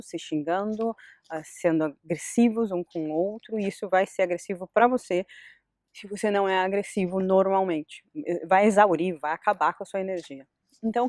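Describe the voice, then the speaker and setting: A middle-aged woman casually giving advice in a vlog, telling stories in an animated way. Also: mid-range voice, no room sound, studio quality. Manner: lively, animated storytelling with quoted dialogue. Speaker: vlogger.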